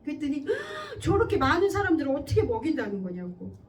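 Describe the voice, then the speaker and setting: Preaching quickly in a high voice with big pitch swings, a woman pastor gives a conversational sermon in a church. She regularly checks in with her audience and acts out quoted speech; the mic is distant, and faint background noise can be heard.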